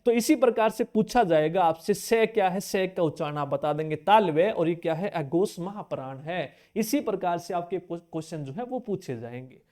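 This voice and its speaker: Here the man sounds high, animated and a bit mellow, moving at a moderate pace with hardly a pause. Teaching grammar for an exam, he peppers viewers with questions he answers himself, repeats the key terms as a drill and casually calls them brother.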